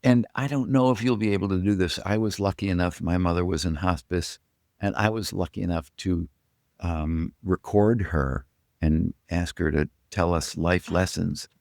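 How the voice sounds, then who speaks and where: A man's voice: deep voice, normal speed, vocal fry, a little mellow, dry recording, clean studio sound. A middle-aged man hosting a podcast, telling reflective stories in a casual way. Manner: reflective storyteller. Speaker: podcast host. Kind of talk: casual conversation.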